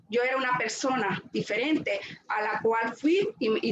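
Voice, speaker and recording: A woman's voice: a little high, highs cut off, background noise. Earnest woman speaker, echoey room. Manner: earnest, repeats words while searching for them. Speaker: retreat speaker giving a talk. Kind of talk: faith testimony talk.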